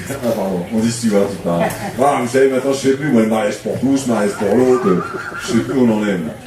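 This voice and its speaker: A man's voice: lowish voice, fast, a crowd in the background. A man from the Paris suburbs who runs a temp agency, giving a humorous, self-mocking talk at a public debate and chatting with the audience. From Paris suburbs, France. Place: community hall. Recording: echoey hall from far off.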